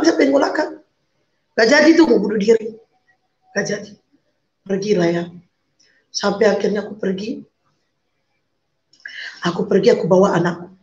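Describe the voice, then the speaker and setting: Emotional woman, high voice. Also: darkish tone. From Medan, North Sumatra. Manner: emotional, pleading, repeats phrases. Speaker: guest. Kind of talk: emotional personal testimony. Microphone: video call. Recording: roomy, dull video-call audio.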